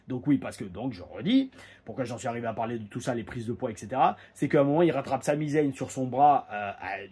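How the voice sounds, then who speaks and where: A man and former pro wrestler, chatting casually in an animated storytelling way as he reviews a show, often repeating words as he goes. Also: medium pitch, slightly rough. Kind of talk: casual anecdotal monologue.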